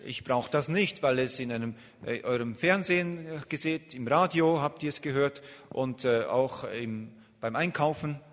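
A man's voice: mid-range voice, moderate pace. A man interpreting a lecture live, hesitant and full of filler sounds as he searches for words. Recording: long hall reverb.

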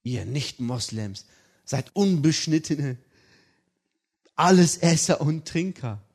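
A man's voice: fairly high pitch, lively intonation, takes it slowly, a little mellow, voice pushed up, exaggerated voice. A man doing his fervent, stern old father. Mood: indignant.

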